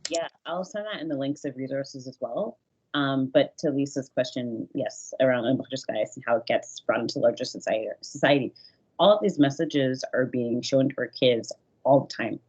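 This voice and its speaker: A woman's voice: very deep voice, normal speed, a little mellow, breathy edge, muffled recording. A woman giving an earnest, conversational workshop talk over a video call, with many fillers and restarts. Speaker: guest speaker. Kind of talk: online workshop presentation.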